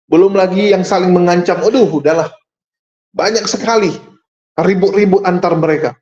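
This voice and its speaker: Exasperated host commenting in a roomy echo. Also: male voice, high-pitched, normal speed, a little mellow. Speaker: channel host. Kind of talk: video commentary. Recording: roomy, dull sound.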